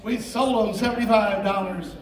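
A man's voice: sits high, steady tone, moderate pace. A man working as an auctioneer and announcer, calling a live auction with a repetitive number chant in a big indoor room. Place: large indoor hotel conference room. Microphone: audience phone camera, at a distance. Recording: distant echoey event hall with crowd.

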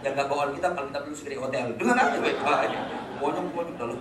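A pastor giving a blunt, teasing sermon, moving between quiet asides and loud exclamations. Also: male voice, medium pitch, fast, recorded from a distance, heavy background noise. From North Sumatra, Batak. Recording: echoey hall, voice from off-mic.

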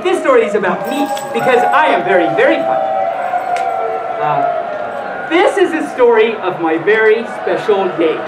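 A medium-pitched voice with big pitch swings and normal speed comes from a storytime host in a full mascot costume, reading playfully to a live audience with casual asides. The setting is a convention's hotel function room. Recorded on a distant camera microphone, the sound is roomy, distant and noisy.

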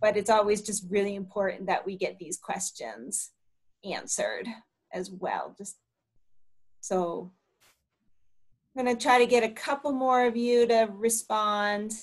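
A woman's voice: medium pitch, lively intonation, measured pace, long pauses. A woman hosting an online talk on a video call, reading poll questions aloud and encouraging people to try. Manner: friendly, encouraging, reads poll options aloud. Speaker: webinar host.

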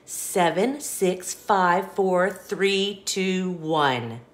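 A woman reading a picture book aloud to young children, with expressive emphasis and small asides to the listener. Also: on the low side, extremely slow. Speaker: children's storybook reader.

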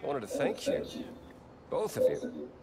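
An actor playing a smooth, glad-handing male corporate executive in a video game cutscene, chummy and salesman-like with hesitant fillers. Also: very high-pitched, wildly swooping pitch, takes it slowly, full character voice. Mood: friendly. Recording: roomy game audio, distant, loud crowd.

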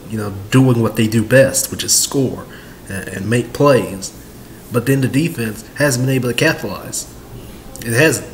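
A young man in his twenties offers casual sports commentary on his home vlog, rambling with plenty of fillers and repetition. He records on a webcam at his desk in a small room, with a medium-pitched voice and slight background noise.

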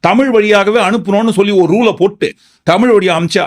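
Sarcastic commentator. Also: male voice, high-pitched, fairly quick, very noisy. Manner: sarcastic, piles up rhetorical questions. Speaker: political commentator. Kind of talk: political commentary video.

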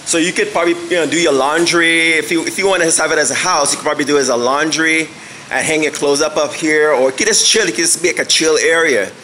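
A man's voice: a little high, fast talker, sharp tone, a little hiss or hum, poor audio. A man giving a casual walking house tour on a handheld phone camera, rambling and searching for words with many fillers. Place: empty house, indoors and on balconies.

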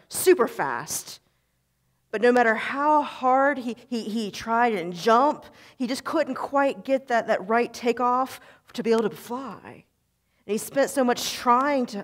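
A middle-aged woman pastor preaching from a church pulpit and telling an animated story with repeated words. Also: medium pitch. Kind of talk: sermon storytelling. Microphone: pulpit microphone, far camera.

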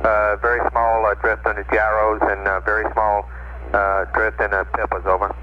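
Over loud static on a noisy, narrow-band archival space radio link, a mission-control man delivers procedural transmissions plainly. His voice is lowish and level, at a normal speed.

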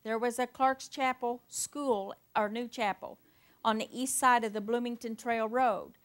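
A woman's voice: fairly high pitch, steady tone, measured pace. Older woman giving a folksy local history talk. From Indiana. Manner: folksy, reading notes with asides and fillers. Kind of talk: informal history talk to an audience.

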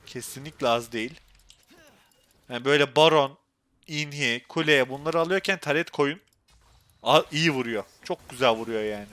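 Speaking at a medium pitch, this young man with a Turkish accent comments on his own game during a live stream. He gets worked up easily, sliding quickly from muttering under his breath to frustrated yelling.

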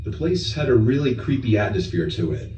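A man reading a scripted horror story in a calm, even storytelling manner. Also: medium pitch, a little fast. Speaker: narrator of a horror story video. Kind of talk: scripted narration. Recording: echoey, distant playback with loud music. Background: background music from the played video.

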